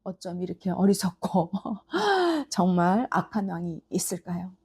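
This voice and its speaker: A woman's voice: a little high, expressive, moderate pace, a little mellow. A woman pastor preaching a sermon in a church, telling a story vividly and questioning her congregation. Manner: storytelling, asks the congregation questions and acts out the characters.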